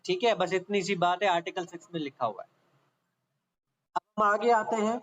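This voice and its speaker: In a law lecture, a Pakistani-accented man reads text aloud, then explains it, going over points repeatedly and often making sure his audience understands. His voice is high-pitched and a bit bright at normal speed, recorded with dull audio.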